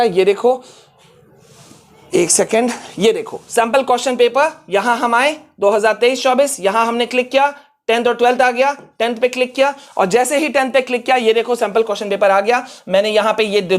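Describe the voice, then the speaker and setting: A man runs a casual online lesson for students, talking them through each click on screen. He is chatty and encouraging and often drops in English phrases. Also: very high-pitched. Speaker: online exam-prep teacher. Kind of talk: casual screen-share tutorial.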